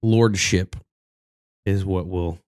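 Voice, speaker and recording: A man's voice: sits low, steady tone, slow pace, a little mellow, clear, resonant tone, no echo, studio quality. A man from Texas, a singer-songwriter, talking casually as a podcast guest and telling loose stories. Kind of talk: casual conversation.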